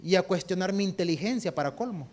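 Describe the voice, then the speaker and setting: High-voiced Salvadoran preacher. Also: male voice, animated, quick pace, darkish tone. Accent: Salvadoran Spanish. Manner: rhetorical questions to the congregation, calling them brother; homely, folksy examples. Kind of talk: sermon.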